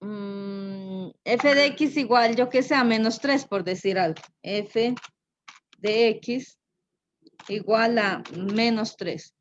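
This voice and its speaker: A woman teaching a math lesson, unhurried and thinking aloud, often checking in with a quick tag question. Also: medium pitch, a little hiss or hum. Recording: dull lo-fi recording.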